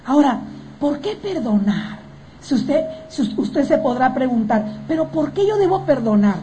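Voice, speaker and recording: A woman's voice: on the high side, warm tone, slight background noise. A woman preaching a sermon, emphatic and full of rhetorical questions to the congregation.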